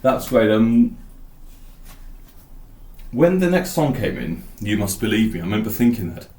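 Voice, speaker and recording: A man's voice: on the low side, very animated, measured pace, dark tone. Rambling man in an echoey room. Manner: rambling, enthusiastic, thinks aloud and sings snatches of songs. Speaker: podcast host. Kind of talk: casual album talk.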